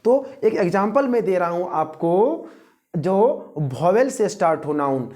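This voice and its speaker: An English teacher with an Indian accent walks students through exam grammar, stretching each example sentence out slowly before explaining it. He keeps quizzing the listener and giving them a moment to guess. His voice is mellow and dark, and he rarely hurries. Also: sits high, sing-song. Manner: slow, drawn-out reading of example sentences, mixing English into instruction. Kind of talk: exam-prep grammar lesson.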